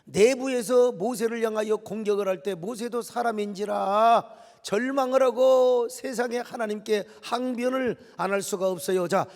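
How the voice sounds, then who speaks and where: A pastor preaches a dramatic, emotional sermon, throwing rhetorical questions at his congregation. His high, gravelly voice has a long reverb from the church hall. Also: moderate pace, a little mellow. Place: church sanctuary.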